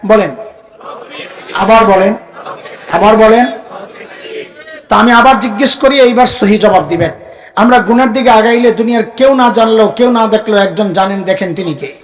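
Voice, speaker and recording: A man preaching a sermon to a live audience. He speaks plainly, gets the crowd to repeat phrases back to him, and rises to a shout for emphasis. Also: high-pitched, normal speed, long pauses, poor audio. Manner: call-and-response, has the crowd repeat phrases; plain colloquial speech.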